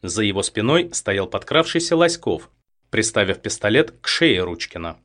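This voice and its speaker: A man narrating a thriller audiobook in a steady, tense manner. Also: on the low side, normal speed.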